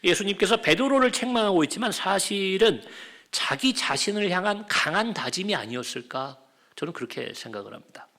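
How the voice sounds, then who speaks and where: A man preaching a sermon as pastor, talking in a conversational way, asking his listeners questions and dropping at times to quiet, near-whispered lines. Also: high voice, expressive, a little fast, gravelly.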